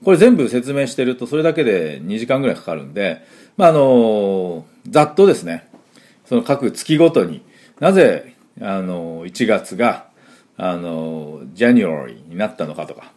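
A man teaching English in a chatty explanatory lesson, full of fillers, slowly sounding out each word. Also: fairly low pitch, sing-song, a little mellow.

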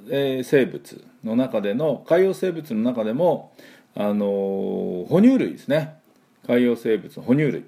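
Lively, animated male English teacher. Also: on the low side. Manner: animated, hesitant with frequent fillers, repeats words for students. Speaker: English school principal and teacher. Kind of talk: English pronunciation lesson.

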